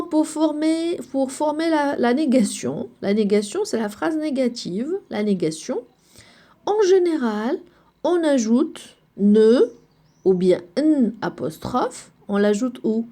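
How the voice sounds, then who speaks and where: A woman teacher giving a grammar lesson to children, slow and patient, repeating and checking with the class. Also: sits high, warm tone.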